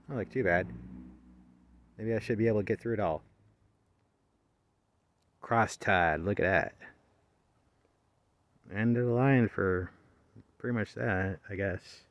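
With a fairly low pitch, a man talks a little slowly and pauses at length as he walks an abandoned rail line, narrating casually as a railfan vlogger. He isn't local, and the audio, recorded outdoors on a handheld phone, has no echo. His chatty commentary rambles, full of fillers and hesitations.

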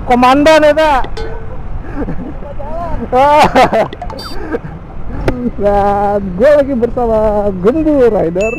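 Riding a motorcycle down a tree-lined road, a young motovlogger from Indonesia chats jokingly in slang and laughs a lot. His voice is very high-pitched. Wind and engine noise come through the helmet-mounted action camera mic.

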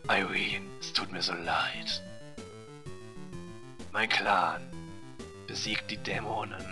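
Casting: man putting on a brooding ninja hero, strained deep voice, overblown solemnity, game music behind. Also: steady tone, takes it slowly. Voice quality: forced deep voice. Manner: pompous mock-heroic parody dub. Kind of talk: parody dub over game cutscene.

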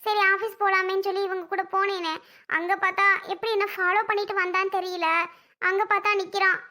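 A woman's voice: very high-pitched, flat delivery, a little fast, bright, forceful tone. A woman acting a fearful young married woman in a family drama. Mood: distressed. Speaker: actor in a family drama skit. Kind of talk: acted domestic family drama.

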